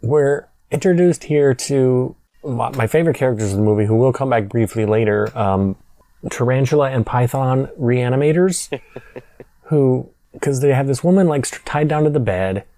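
Wry, laughing man with a dark voice. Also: medium pitch, normal speed, no room sound. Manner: wry, laughs often while recapping scenes. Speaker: podcast co-host. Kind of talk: casual movie review chat.

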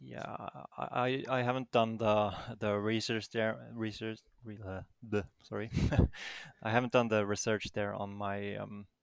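A man's voice: lowish voice, little pitch movement, unhurried, vocal fry, hardly any pauses, no room sound, studio quality. A man with a Danish accent answering interview questions casually, in a modest, hesitant manner. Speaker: interviewed tournament champion.

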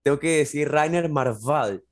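A man's voice: on the high side, moderate pace. A man in his twenties from Venezuela with a Venezuelan Spanish accent, chatting casually as a podcast guest and sprinkling in fillers like "bro". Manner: relaxed, chatty, many fillers like "bro" and "este". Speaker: guest, jiu-jitsu athlete.

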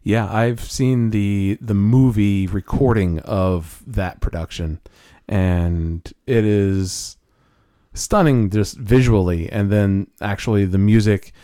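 A man's voice: fairly low pitch, fairly even intonation, takes it slowly, dark tone, no echo, clean studio sound. A man co-hosting a podcast, talking casually and thoughtfully with frequent restarts. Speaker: podcast co-host. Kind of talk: casual chat.

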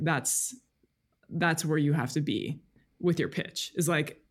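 A low-voiced woman, a freelance journalist appearing as a podcast guest, reflects in an interview conversation. She speaks informally and thinks aloud, hedging often with "like" and "you know."

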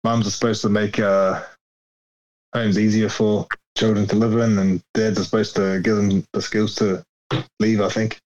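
A man's voice: lowish voice, little pitch movement, moderate pace, darkish tone, lo-fi sound. A man in casual conversation. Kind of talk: casual chat.

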